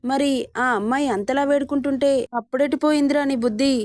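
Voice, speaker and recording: A woman's voice: sits high, a little fast, a little mellow, no room sound, studio quality, close to an everyday voice. A woman voicing a vengeful young man who taunts and threatens his captive in a read-aloud story. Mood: taunting menace. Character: vengeful young man, hero, cold and menacing.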